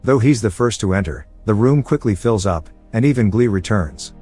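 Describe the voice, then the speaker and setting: A man narrating a movie recap in an even, measured storytelling voice. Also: lowish voice, breathy edge. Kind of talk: scripted narration.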